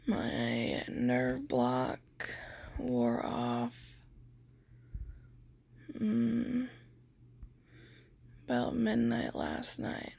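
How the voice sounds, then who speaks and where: A woman with a hoarse, scratchy throat talking in a tired, mostly whispered voice in a casual video diary. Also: on the high side, a little mellow. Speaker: vlogger recovering from surgery.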